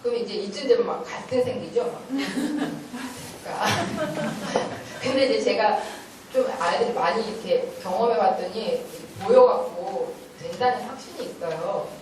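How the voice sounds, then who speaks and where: A middle-aged woman speaking to a church group in a fairly high voice. She tells animated stories and snaps into stern, scolding voices when she acts out a scene. The recording comes from far off in a very echoey hall, with faint noise behind her. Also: a little slow. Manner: animated storytelling, acting out stern scolding, often laughing. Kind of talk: lecture-style talk with acted quotes.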